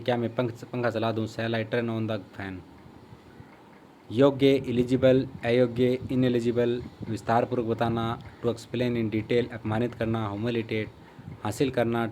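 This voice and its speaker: A man with an Indian accent teaching spoken English. He reads a Hindi sentence quickly, then gives the English translation slowly and deliberately. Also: mid-range voice, darkish tone, a little hiss or hum.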